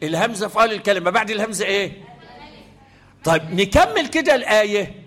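A man's voice: sits high, animated, fast talker, fairly bright tone. A man with an Egyptian accent teaching a class the rules of Quranic recitation. He keeps quizzing his students with repeated questions and chants the verses melodically. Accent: Egyptian Arabic.

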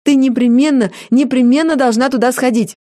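A woman voicing an excited, naive young woman who gushes breathlessly in a storybook reading. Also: high voice, a little fast, pitched above the performer's own voice, lightly acted. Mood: gushing. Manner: breathless, gushing.

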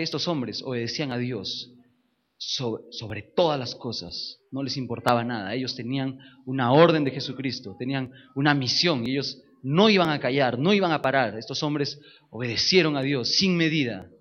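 A man's voice: mid-range voice, normal speed, fairly bright tone, dull audio. A man preaching a sermon with emphasis, repeating key phrases and putting questions to his listeners.

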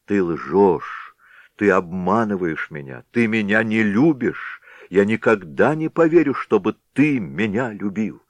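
A man's voice: on the low side, lively intonation, measured pace, dry recording. A man voicing a young village girl who reproaches her suitor. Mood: reproachful.

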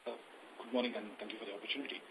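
A man's voice: fairly low pitch, flat delivery, very fast, a bit bright. A male analyst speaking on a conference call with the phone held away from his mouth, so he sounds faint and distant. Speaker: analyst caller on an earnings call. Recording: muffled lo-fi phone line.

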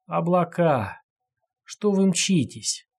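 A man's voice: fairly high pitch, lively intonation, slow, vocal fry, breathy edge, pitched above the performer's own voice, exaggerated voice. A man voicing a traumatized, wounded woman who murmurs a children's song over and over in a daze. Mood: dazed murmuring. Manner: dazed, repetitive murmuring.

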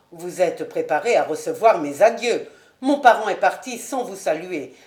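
A woman voicing a dignified, proud marquis who speaks formally and gravely, in a roomy recording. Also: fairly low pitch, darkish tone, natural voice.

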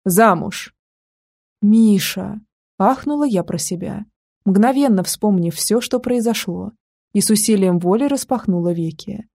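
A woman's voice: mid-range voice, moderate pace, vocal fry, dark tone, dry recording, studio quality. A woman narrating a first-person audiobook in an intimate, wry manner.

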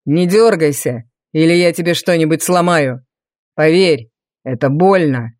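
A woman's voice: low-pitched, measured pace, a little mellow, dry recording, clean studio sound, voice pushed down. A woman voicing a sneering villainous viscount. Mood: threatening. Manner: sneering, taunting. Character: cruel mocking male viscount, menacing villain. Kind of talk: audiobook character voice.

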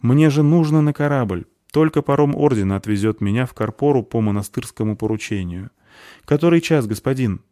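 A man's voice: on the low side, fast talker, few pauses, warm tone, no echo, clean studio sound, natural voice. A man voicing a young orphan novice girl who speaks politely and timidly in an audiobook. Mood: alarmed. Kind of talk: audiobook character voice.

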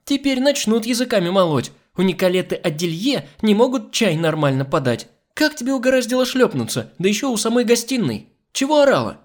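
A man's voice: sits high, wildly swooping pitch, normal speed, hardly any pauses, voice pushed up. A man reading an audiobook, voicing a domineering, scornful society mother who scolds her maid. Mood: scolding. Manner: scolding, haughty.

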